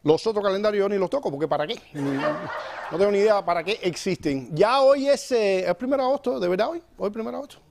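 A man hosting a comedy show, telling jokes in an animated storytelling style. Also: high voice, brisk, vocal fry, slight background noise. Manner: joking, animated storytelling with acted-out voices. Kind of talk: stand-up style comic monologue.

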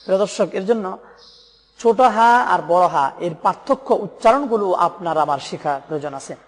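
A man with a Bangladeshi Bengali accent teaching Quran pronunciation, patiently repeating letter names slowly for learners. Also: high voice, expressive, long reverb tail. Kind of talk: step-by-step pronunciation lesson.

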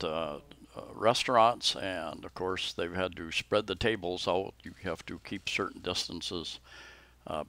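Holding the camera, a vlogger narrates a relaxed tour of a restaurant in the Philippines, chatting casually. His deep voice sounds pushed and bright, and he speaks in an easygoing, hesitant way full of fillers.

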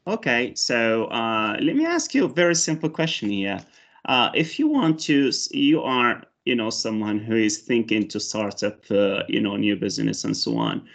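This English teacher from Morocco, whose native languages are Arabic and Berber, has a medium-pitched, creaky, expressive voice and a moderate pace, and he speaks with a Moroccan accent. On a headset video call from a room with big windows, he gives a mock interview and demo lesson. His delivery is halting and full of fillers and restarts, though it lifts brightly once he starts teaching.

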